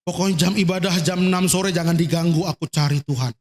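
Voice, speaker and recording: Male pastor, high voice, emotional sermon delivery, long church reverb. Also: fairly even intonation, quick pace. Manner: emotional, swinging between high exclamations and quiet asides. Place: church hall.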